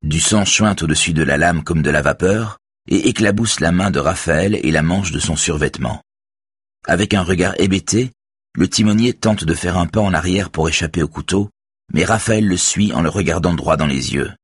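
A man narrating a thriller audiobook in a measured, even reading. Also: deep voice, slightly rough, no echo, clean studio sound.

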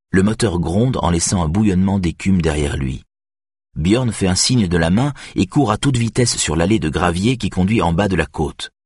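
A man reading a thriller audiobook in a measured, steady way. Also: sits low, husky, no room sound, studio quality. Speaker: audiobook narrator. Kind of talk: scripted narration of a thriller.

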